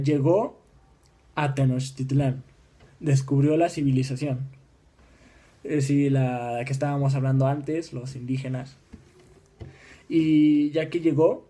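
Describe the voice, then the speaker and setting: Young man retelling history, mellow voice. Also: medium pitch. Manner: halting, many restarts and fillers; acts out voices in dialogue. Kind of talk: informal history talk.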